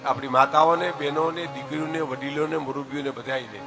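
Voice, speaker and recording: An older man from telling a folk tale, addressing his listeners directly and swinging between soft asides and loud exclamations. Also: on the high side, brisk, music in the background. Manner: lively storyteller, often addresses listeners as "saheb". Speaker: folk storyteller.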